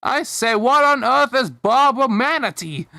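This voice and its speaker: A man's voice: very high-pitched, animated, a little slow, creaky, bright, forceful tone, no echo, studio quality, voice pushed up, heavily acted. A man voicing a haughty little boy asparagus with a British accent, prim and pompous.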